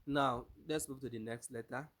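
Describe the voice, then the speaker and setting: A man's voice: medium pitch, fairly even intonation, slow pace, fairly bright tone. A man teaching Arabic pronunciation, who repeats each letter sound aloud several times, asks the class if they follow, and switches between English and Arabic. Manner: asks the class rhetorical checks. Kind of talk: pronunciation lesson.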